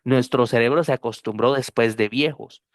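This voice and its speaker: A man's voice: medium pitch, normal speed, no room sound, studio quality. A man with a Costa Rican accent teaching pronunciation in an online class, explaining patiently and drilling sounds aloud. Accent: Costa Rican Spanish.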